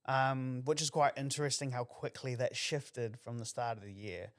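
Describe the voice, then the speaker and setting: Host: New Zealand man, mid-pitched clear voice, chatty rambling interviewer. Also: steady tone, normal speed. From Auckland, New Zealand. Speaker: podcast host. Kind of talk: casual interview.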